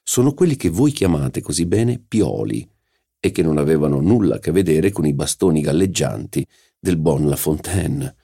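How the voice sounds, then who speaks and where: A pedantic old country aristocrat, read by a man, lecturing at length on coats of arms. The voice sits low and gravelly, with a dark, mellow colour. He is precise and fussy about detail. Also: big pitch swings, normal speed, full character voice. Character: older provincial nobleman, pedantic about heraldry.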